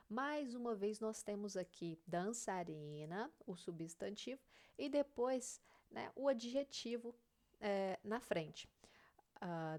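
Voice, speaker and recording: A woman with a Brazilian Portuguese accent, an English teacher explaining a reading lesson and checking in often with her viewers. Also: mid-range voice.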